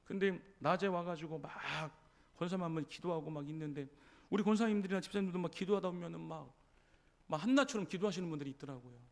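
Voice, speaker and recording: High-voiced Korean pastor preaching. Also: male voice, fast. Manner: storytelling preacher acting out quoted voices, frequent "예?". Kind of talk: sermon. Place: church sanctuary.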